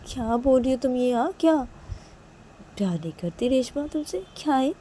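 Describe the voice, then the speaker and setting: A woman's voice: high-pitched, animated, normal speed, warm tone, a little hiss or hum, pitched above the performer's own voice. A woman voicing a worried mother who fusses and keeps repeating her questions. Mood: concerned.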